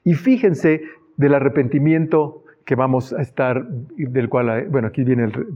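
A man's voice: medium pitch, measured pace. A man preaching a sermon earnestly, reading Bible passages aloud and adding asides. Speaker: pastor. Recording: dull lo-fi sound.

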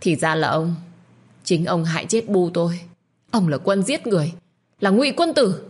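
A woman voicing a defiant young female servant in an audio story, shouting and shrieking frantic accusations. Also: animated, moderate pace, breathy edge. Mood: accusing. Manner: screaming accusations, shrill and frantic.

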